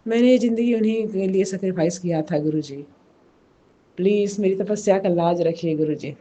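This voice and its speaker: A hoarse woman giving an emotional personal testimony, speaking slowly and softly in a pleading way. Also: mid-range voice, a little hiss or hum. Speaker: devotee sharing a testimony.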